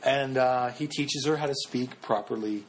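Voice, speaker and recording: A man's voice: mid-range voice, normal speed, a little hiss or hum. A young man co-hosting a casual podcast chat, rambling and hesitant with lots of fillers. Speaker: podcast co-host.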